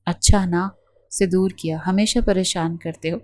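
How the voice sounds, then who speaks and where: A woman's voice: fairly low pitch, steady tone, a little mellow, dry recording, lightly acted. A woman voicing a sweet young bride in an audio novel, coaxing and playful in manner. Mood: affectionate.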